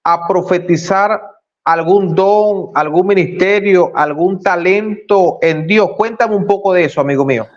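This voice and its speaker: High-voiced male host, muffled audio. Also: unhurried. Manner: warm-toned religious exclamations, asks probing questions. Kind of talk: interview.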